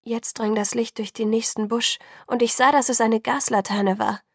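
A woman narrating a story in a subdued, hushed way, often sinking into a whisper. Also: on the high side, steady tone, normal speed, gravelly, breathy edge, no room sound, studio quality. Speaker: audiobook narrator. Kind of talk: scripted narration.

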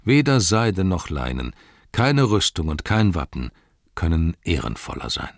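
A man reading an audiobook voices a wise, gentle old male wizard who speaks in a calm, measured way. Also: low voice, creaky, dry recording, clean studio sound, heavily acted. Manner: calm, measured, soft-spoken.

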